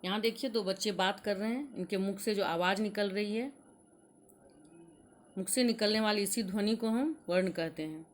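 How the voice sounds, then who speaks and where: A woman teacher giving a grammar lesson to young pupils, speaking slowly and deliberately and sounding out letters one at a time. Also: mid-range voice. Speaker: school teacher.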